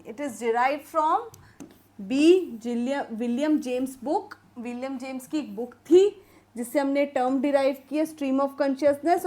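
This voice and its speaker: A woman teaching English literature in an exam revision lecture, reading questions out and explaining them step by step to her students. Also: sits high. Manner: addresses students as "beta".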